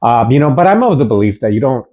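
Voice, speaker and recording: A man's voice: mid-range voice, very animated, quick pace, highs cut off. A man from Houston, originally from Mexico, chatting casually as an interview guest, easygoing with many restarts. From Mexico, raised in Houston, Texas.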